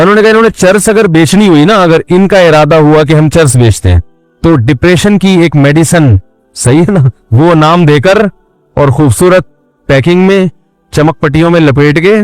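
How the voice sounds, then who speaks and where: A man's voice: fairly high pitch, dry recording, poor audio. A man giving a conversational religious talk, often checking that the listener understands. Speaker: Islamic speaker.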